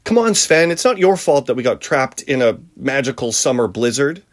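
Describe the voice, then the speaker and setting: A man voicing a gruff, burly young mountain man who talks to his reindeer. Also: medium pitch, big pitch swings, normal speed, pitched above the performer's own voice, natural voice. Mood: coaxing.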